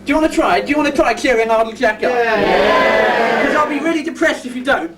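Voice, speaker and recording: A man's voice: extremely high pitch, brisk. A man playing a lazy, cheeky young shop assistant who jokes and chats with the audience, on an amateur village pantomime stage recorded from far off. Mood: chummy. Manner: cheeky, chatty, joking with the audience. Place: pub skittle alley stage with audience. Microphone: far audience camera. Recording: distant noisy live stage recording.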